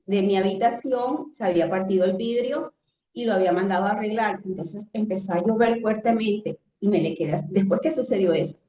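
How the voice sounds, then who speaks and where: A woman giving an emotional personal testimony, animated and acting out her own shouts as she tells it. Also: mid-range voice. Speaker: interviewee sharing a near-death testimony. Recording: echoey room, dull lo-fi sound.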